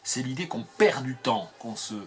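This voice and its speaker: A man with a southwestern French Landes accent talks to camera without a script, at a middling pitch for a man. He thinks out loud and wanders off on side paths. He pokes fun at himself as he goes. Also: expressive, normal speed, soft background music. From southern Landes, France. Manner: digressive, self-mocking, thinking aloud. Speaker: academic video blogger. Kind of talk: improvised talk to camera.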